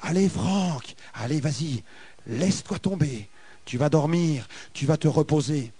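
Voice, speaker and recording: A man voicing a soft spirit voice that coaxes and urges in a low, hushed tone. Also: sing-song, moderate pace, slightly rough, no echo, exaggerated voice. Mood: coaxing. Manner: coaxing, hushed, insistent. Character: soft luring spirit voice urging death.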